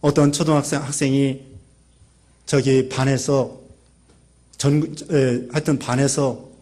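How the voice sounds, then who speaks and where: A man's voice: fairly high pitch, a little mellow, breathy edge. A man preaching a sermon as a pastor, telling stories with emphatic swings, acting out quoted lines.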